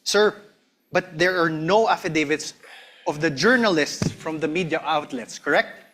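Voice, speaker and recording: A male lawyer with a fairly high-pitched voice questions a witness in a courtroom. His delivery is formal and persistent, in the measured phrasing of cross-examination. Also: a bit bright.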